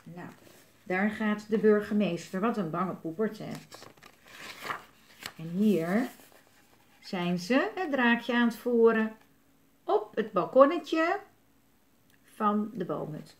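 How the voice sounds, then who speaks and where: Lively female storyteller, chatty asides; roomy sound. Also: mid-range voice, slow, pauses often, a little hiss or hum. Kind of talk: reading a children's book aloud. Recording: roomy echo.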